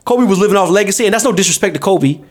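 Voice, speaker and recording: Man, high voice, lively swinging pitch, blunt casual sports talk, podcast host. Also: very fast. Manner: animated, blunt, calls listener "dog" and "man".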